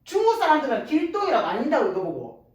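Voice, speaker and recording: A woman with a teaching a Korean language class, lively and constantly checking whether her students follow. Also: high-pitched, very fast. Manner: lively, checks understanding constantly with rhetorical questions. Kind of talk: classroom lecture. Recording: echoey room, voice from a distance, faint noise.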